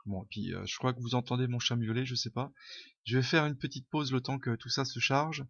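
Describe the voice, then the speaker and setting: Brisk and fairly bright, with a mid-range voice and fairly even intonation, a programming tutor thinks aloud through an unscripted screen-recorded coding tutorial. His talk is filler-heavy, informal and self-deprecating, recorded in a home room on a dull, dry lo-fi mic.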